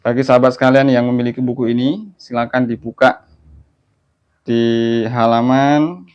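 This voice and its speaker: A man teaching Quran recitation online, explaining patient steps and then chanting verses slowly in a melodic tone. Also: mid-range voice, little pitch movement, a little mellow, clean tone. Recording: dull lo-fi audio.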